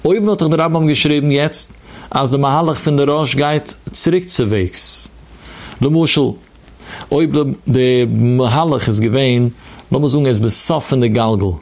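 A man's voice: medium pitch, moderate pace. A man teaching a religious text lecture, explaining step by step in a sing-song way, asking and answering his own questions and restating each point.

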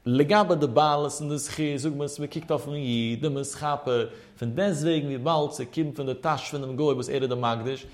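A man's voice: medium pitch, steady tone, moderate pace, few pauses. A man teaching a Talmud lesson in a sing-song study chant, asking questions and answering them himself as he explains step by step. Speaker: religious teacher.

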